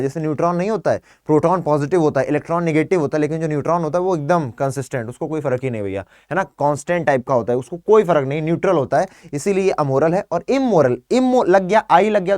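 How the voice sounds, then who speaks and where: A young man teaching English vocabulary in an online exam-prep lesson, lively, mixing Hindi with English, spelling words out and firing rhetorical questions at his class. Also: a little high, no echo, studio quality.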